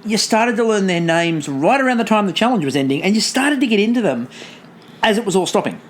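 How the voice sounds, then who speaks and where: A woman's voice: mid-range voice, expressive, brisk. A woman with a New Zealand accent co-hosting a casual comic review, bantering wryly and swearing freely. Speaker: podcast co-host.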